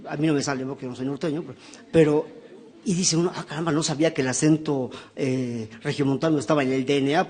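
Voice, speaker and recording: A man's voice: fairly high pitch, a little mellow. A man presenting his own book in a lecture style, teaching with rhetorical questions and frequent tag questions.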